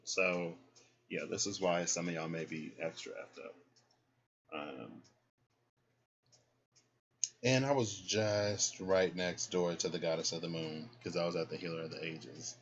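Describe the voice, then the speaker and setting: Here a man sitting low in pitch gives a laid-back spiritual tarot reading, going a little slowly and pausing often as he explains the cards. He tends to tack "right?" onto what he says, and the audio is dull and lo-fi.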